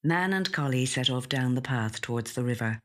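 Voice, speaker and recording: Reading a literary short story aloud, this actor keeps a measured, hushed manner, though the delivery is animated. The voice is slightly husky and breathy at medium pitch, in scripted literary narration.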